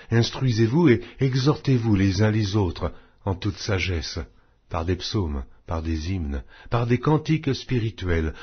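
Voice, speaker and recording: In a deep, husky voice, a man gives a scripted Bible reading with solemn, declamatory delivery. His phrasing stays measured while his intonation swings widely up and down. The recording sounds slightly dull and lo-fi.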